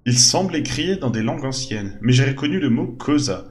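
A man's voice: mid-range voice, lively intonation, normal speed, a little mellow, voice pushed up, lightly acted. Man reading as a sober, formal scholar. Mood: grave. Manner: formal, explanatory. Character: earnest male scholar excavating ruins, sober, learned.

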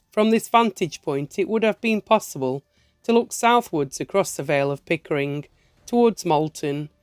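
Low-voiced woman reading a tour narration. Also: a little mellow, no room sound. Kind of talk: scripted documentary narration.

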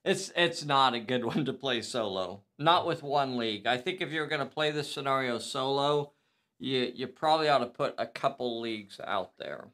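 A man's voice: medium pitch, animated, moderate pace, fairly bright tone. A man hosting a casual live game stream, chatty and jokey, tossing in silly impressions.

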